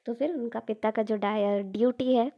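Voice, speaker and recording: A woman's voice: a little high, fairly even intonation, normal speed, muffled recording. A woman retelling a classic play in a casual, explanatory storytelling manner, dropping in English words.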